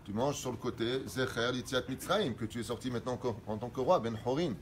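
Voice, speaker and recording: A middle-aged man, a rabbi, teaching religious law and explaining quickly read Hebrew sources in French. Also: medium pitch, a little hiss or hum.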